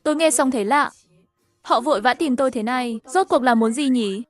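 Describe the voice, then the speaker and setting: A woman narrating a first-person story over animation, voicing every character herself in an even storytelling manner. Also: high-pitched, a little fast, faint music behind.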